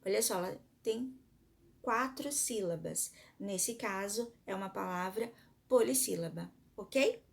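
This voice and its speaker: A Brazilian woman teacher records a lesson for her pupils, in a voice of middle pitch. She explains patiently, step by step, and sounds words out slowly syllable by syllable. She often puts questions to the class and answers them herself. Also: creaky. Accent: Brazilian Portuguese. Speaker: schoolteacher.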